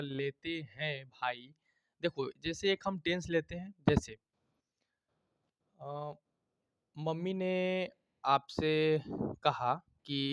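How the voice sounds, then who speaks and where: A man's voice: fairly high pitch, clear, resonant tone, no echo. A man teaching a grammar lesson, checking in often with his students and explaining with everyday examples.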